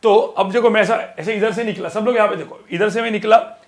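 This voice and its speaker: A man teaching physics in a classroom lecture, asking students questions again and again and slowly repeating each formula. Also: high voice.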